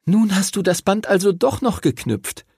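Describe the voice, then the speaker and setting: A hushed, admiring young girl in a storybook, pitched well up and a little husky, as a male narrator puts her on. The sound is close and dry. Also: lively intonation, moderate pace, no room sound, full character voice. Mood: warm. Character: young girl, awed and affectionate.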